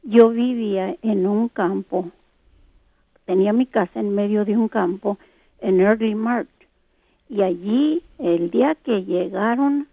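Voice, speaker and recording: An older Texas woman calls in to a radio show and rambles through a long recollection, using many fillers. Her mid-range voice comes slowly over a tinny phone line, with no echo.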